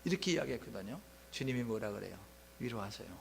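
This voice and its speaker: A man's voice: fairly high pitch, a little fast, a little hiss or hum. A male pastor preaching a sermon, telling Bible stories animatedly and asking the congregation rhetorical questions. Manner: animated storytelling, acting out biblical scenes in dialogue.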